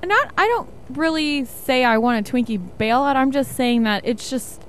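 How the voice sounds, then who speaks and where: A woman's voice: high-pitched, animated, normal speed, fairly bright tone, a little hiss or hum. A woman co-hosting a radio talk show, airing strong opinions in casual chat. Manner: opinionated, laughs easily.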